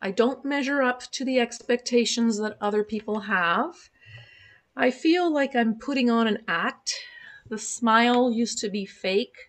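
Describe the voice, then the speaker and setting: A woman in her sixties, raised in Canada with German as her first language, speaks candidly as a guest on a remote podcast call, using frequent fillers in a casual interview. Her voice is a little high and a little slow.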